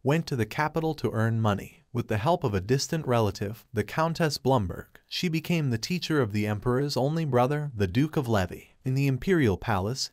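A man reading a scripted story recap in a steady, even narrating voice. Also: medium pitch, no echo, studio quality.

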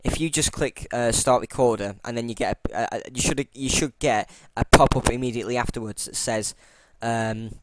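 Heavy background noise surrounds a tutorial channel host as he casually narrates a computer screen recording, self-deprecating about his boring voice and rambling with many fillers and restarts. His voice is mid-range at a moderate pace with few pauses.

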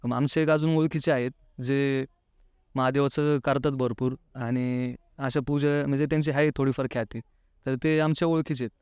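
A man from Pune, India, speaks at a moderate pace in a medium-pitched, steady, darkish voice with a clean tone and no echo. Guesting on an interview, he tells a personal experience casually, performing others' lines and peppering his speech with "नाही का".

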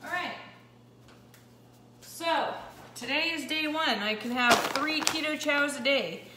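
Filming indoors in her kitchen, a keto vlogger in her forties speaks high-pitched and slow, chatty and excited despite a slightly scratchy voice, while handling a meter. The camera faces down onto the countertop, and the room echoes with clear background noise.

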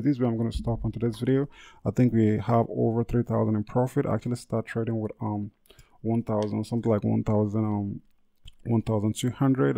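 A man's voice: medium pitch, vocal fry, dark tone, no echo. A man hosting a casual trading tutorial over a screen recording, repeating himself and correcting his words with many fillers. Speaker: trading channel host.

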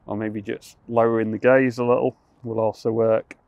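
Young man, mindfulness instructor, calm and gentle, slow guided practice, lowish voice, rooftop outdoors, muffled lo-fi sound. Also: gravelly, dry recording. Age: young adult.

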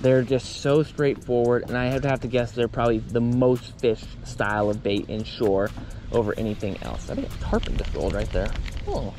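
A man on a boat explaining fishing lures in a relaxed, casual way, often saying "man", recorded on a body-worn action camera outdoors. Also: medium pitch, normal speed, over music. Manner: laid-back, says "man" often. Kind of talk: casual outdoor how-to talk. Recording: outdoor camera audio with steady noise.

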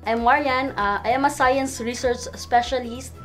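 Filipino woman, twenties, highish voice, soft music under. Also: fairly even intonation, moderate pace. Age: 20s. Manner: mixes Tagalog and English, many restarts. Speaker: science research specialist. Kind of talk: casual explanation.

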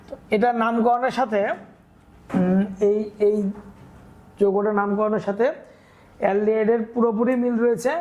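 A man's voice: sits high, steady tone, normal speed, pauses often, darkish tone, highs cut off. Patient male chemistry teacher counting aloud. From Bangladesh. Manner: patient, step-by-step, asks and answers own questions. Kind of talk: classroom lesson, counting carbons aloud.

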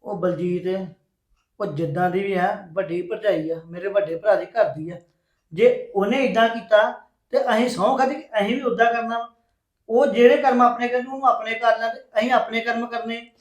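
A man playing a husband in a family drama who gives in and tries to calm his wife. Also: high-pitched, moderate pace, lightly acted. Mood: placating. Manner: placating, resigned. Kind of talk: acted family drama dialogue. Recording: roomy echo.

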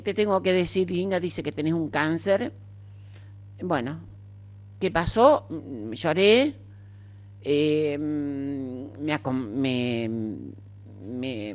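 An older woman with an Argentine Spanish accent tells her own story as a cancer survivor in an interview. Her deep, slightly mellow voice is frank and chatty, full of fillers, in a casual conversational style.

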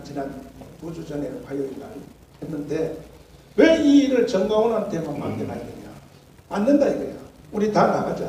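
Fiery older Korean preacher in an echoey hall. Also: male voice, high voice, a little hiss or hum. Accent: Gyeongsang Korean. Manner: loud, swings from mutters to shouts. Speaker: pastor. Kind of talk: fiery political sermon. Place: large hall at a breakfast gathering. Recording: echoey hall, mic at a distance.

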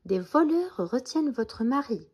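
A woman voicing a clever, calm little boy hero in a spoken bedtime storybook. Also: sits high, measured pace, husky, heavily acted. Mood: cunning. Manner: soft storybook telling.

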